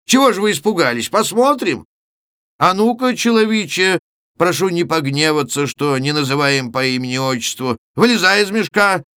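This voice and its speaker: A man's voice: fairly high pitch, animated, moderate pace, clean tone, dry recording, studio quality, pitched above the performer's own voice. A man doing a blustering old-world Cossack villager. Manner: loud exclaiming, blustering.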